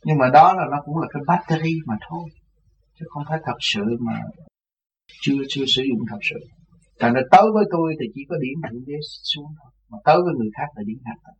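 A man's voice: on the high side, quick pace. A man, a religious teacher recounting his life in a rambling way and repeating words. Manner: rambling, repeats words, acts out others' voices. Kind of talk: casual spoken recollection. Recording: distant, dull mic with faint noise.

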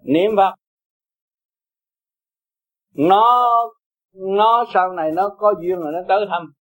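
A man teaching Buddhism in a high, carrying voice. He talks bluntly and emphatically, pushing and coaxing his listeners by turns. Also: slow pace, poor audio. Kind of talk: blunt Dharma talk to followers.

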